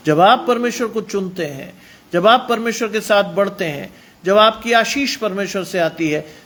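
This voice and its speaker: High-voiced preacher, emphatic. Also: male voice, fairly bright tone, slight background noise. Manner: mixes English phrases into emphatic preaching. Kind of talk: sermon.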